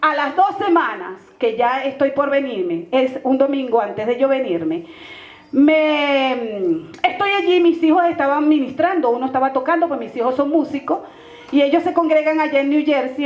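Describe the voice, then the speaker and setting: A high-voiced Venezuelan woman pastor gives a fervent sermon testimony, speaking straight to her listeners as brother. Her voice rings through a roomy church and comes across dull and lo-fi. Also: expressive, moderate pace, a little mellow. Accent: Venezuelan Spanish.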